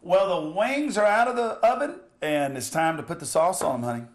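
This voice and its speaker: A man's voice: sits high, fairly quick. A man hosting a joking cooking segment, teasing his co-host with playful, rambling, mock-serious asides. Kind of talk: joking comedy cooking bit.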